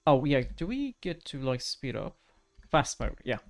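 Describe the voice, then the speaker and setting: A gaming streamer offers casual commentary on a video game, sometimes muttering to himself and hesitantly reading on-screen text aloud. His mid-range voice is sing-song and unhurried with vocal fry, and faint game music plays behind him.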